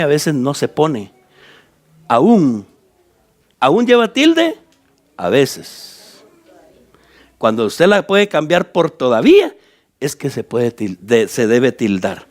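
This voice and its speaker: A Guatemalan pastor preaches a Bible study with a voice that sits high for a man. His pitch swings widely as he works through the scripture point by point. He keeps turning to his listeners with direct questions. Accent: Guatemalan Spanish. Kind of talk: Bible study sermon to church leaders.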